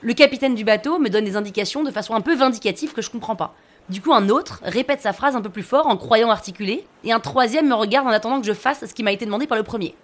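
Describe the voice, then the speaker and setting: A woman's voice: on the high side, quick pace. A woman narrating a scripted comic podcast story about herself, wry and self-mocking.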